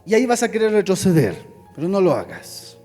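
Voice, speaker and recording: Pastor, fervent emphatic preaching, very high voice, faint music behind. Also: male voice, sing-song, fairly quick. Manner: emphatic, shouting, call-and-response preaching. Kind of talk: fervent sermon.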